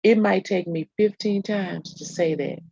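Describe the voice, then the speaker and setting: A woman's voice: medium pitch, measured pace, gravelly, mellow, slightly rough, dry recording, lo-fi sound. A woman co-hosting a casual podcast, emphatic and talking straight to listeners as y'all. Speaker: podcast co-host.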